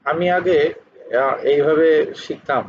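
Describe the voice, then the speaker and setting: A man giving a spoken English lesson, pausing often with filler sounds and spelling words out letter by letter. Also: on the high side, fairly even intonation. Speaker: English teacher. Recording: dull lo-fi recording with faint hiss.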